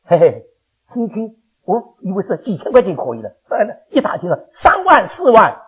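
An older man preaching a sermon to his congregation as their pastor, animated and chuckling as he fires questions at the listeners. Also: sits high, moderate pace, husky. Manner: animated, quizzes the congregation with questions, laughs often. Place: church.

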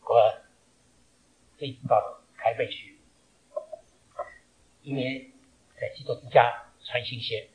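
A man preaching a sermon, telling stories and asking rhetorical questions, swinging between loud and hushed delivery. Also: medium pitch, fairly even intonation, takes it slowly, pauses often, low-quality recording.

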